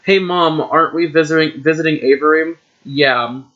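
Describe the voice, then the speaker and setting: A man voicing a playful, teasing teen boy, reading the lines flat. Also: a little high, normal speed. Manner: flat read-aloud delivery. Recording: dull lo-fi recording.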